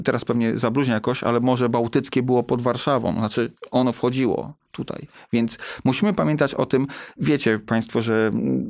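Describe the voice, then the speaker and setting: A man's voice: mid-range voice, dry recording, clean studio sound. A man, a guest scientist, speaking earnestly and addressing listeners directly in a conversational interview.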